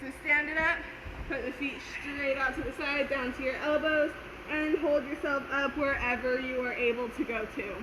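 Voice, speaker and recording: Over noisy live-stream audio with a constant hum from the gym's fans, a coach's high voice carries at an even, moderate pace in a roomy space. She keeps the stretching session relaxed and supportive, calling out counts and directions.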